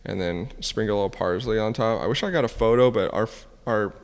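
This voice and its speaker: A man, co-hosting a casual podcast chat, relaxed and quick to laugh. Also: lowish voice, big-room sound. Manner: laughs often, relaxed and joking. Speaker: podcast co-host.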